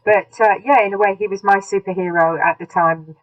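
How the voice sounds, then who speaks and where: A woman's voice: medium pitch, steady tone, fairly quick. A woman co-hosting a casual podcast, giggly, candid and chatty. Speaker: podcast co-host. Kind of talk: casual chat. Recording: dull lo-fi sound.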